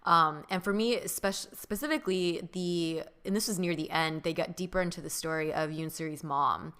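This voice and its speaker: A woman's voice: fairly low pitch, moderate pace, a bit bright, smooth. A young woman co-hosting a podcast, reflecting thoughtfully in a casual chat with many fillers. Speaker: podcast co-host.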